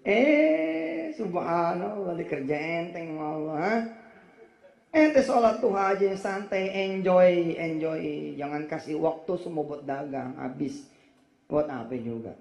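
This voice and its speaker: A man giving a lively, jokey sermon in slangy talk, acting out the people he quotes. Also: a little high, unhurried, vocal fry. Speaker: preacher. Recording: roomy, dull lo-fi recording.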